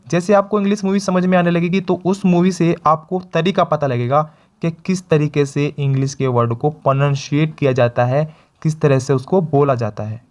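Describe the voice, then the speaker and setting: Man coaching spoken English, lo-fi. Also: on the high side. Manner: addresses listeners as friends, step-by-step coaching. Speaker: English teacher. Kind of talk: motivational video lesson. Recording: dull lo-fi sound.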